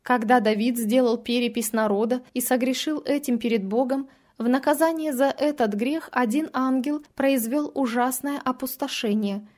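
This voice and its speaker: A woman's voice: high voice, darkish tone. Woman solemnly reading devotional scripture. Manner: measured and solemn. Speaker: reader of a religious text.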